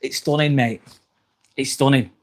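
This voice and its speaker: With a mid-range voice, fairly even intonation and a measured pace, a man with a northern English accent from near Manchester hosts a casual livestream. He reads out viewer comments, chatty and friendly, often filling pauses with "um."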